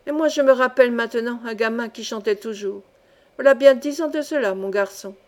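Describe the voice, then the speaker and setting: A calm, courteous older mining engineer , as a woman reader puts him on in an audiobook. His questions come measured and curious, in a fairly high voice. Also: close to an everyday voice.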